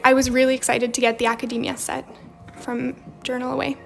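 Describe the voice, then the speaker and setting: A young woman with a slight Romanian accent hosts a journaling livestream, chatting casually as she reads viewer comments aloud and answers them. Her voice is high-pitched, gravelly and level in tone, and she speaks briskly over faint background music.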